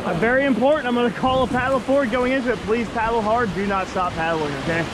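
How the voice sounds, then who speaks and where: A woman working as a whitewater rafting guide, briefing her crew and calling paddle commands in an informal, directive way outdoors on the river. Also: a little high. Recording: loud rushing river water noise. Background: loud rushing whitewater and wind.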